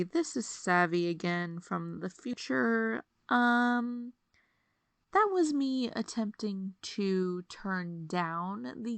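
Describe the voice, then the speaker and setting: A woman's voice: mid-range voice, no echo. A woman podcast host in casual chat, rambling and apologetic, laughing often, on a desk microphone that sometimes peaks. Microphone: desk podcast microphone, sometimes peaking.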